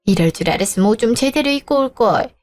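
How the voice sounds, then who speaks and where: A brazen, scheming middle-aged mother-in-law, voiced by a woman in a narrated story drama. Her voice sits a little high and turns pushy or fawning to get her way. Soft music plays underneath. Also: expressive, fast. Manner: pushy, then groveling.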